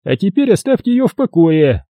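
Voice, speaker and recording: A man's voice: sits high, very animated, brisk, no echo, phone-quality sound, voice pushed up. A man voicing a stern, mocking police detective who talks down sarcastically in an audiobook. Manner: sarcastic, condescending.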